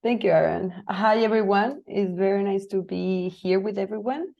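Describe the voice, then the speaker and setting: A woman's voice: medium pitch, normal speed, vocal fry, warm tone. A woman from Venezuela introducing herself on a video call, with dull audio. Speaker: project manager.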